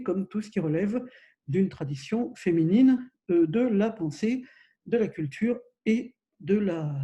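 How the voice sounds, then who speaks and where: A man lecturing on his own to camera, talking in loose, wandering sentences full of fillers and restarts. His voice sits high for a man, with a soft, very dark and mellow tone. It sounds like a casual solo video lesson. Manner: rambling, many fillers and self-corrections. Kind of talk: informal recorded lecture.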